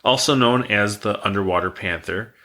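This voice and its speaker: Male podcast co-host, low and bright-toned, relaxed rambling storyteller. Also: moderate pace. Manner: relaxed, rambling, reads facts aloud.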